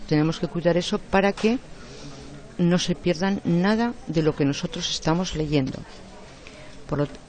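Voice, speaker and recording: A man lectures a room of exam candidates in a slightly raised voice. He explains step by step and checks in with quick tags to keep the class following. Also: on the high side, a little mellow. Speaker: teacher coaching exam candidates.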